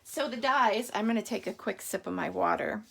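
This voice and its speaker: A woman's voice: medium pitch, normal speed, gravelly, a bit bright, slightly rough. A middle-aged woman hosting a casual live craft stream, chatty and rambling, greeting viewers by name while she has the hiccups.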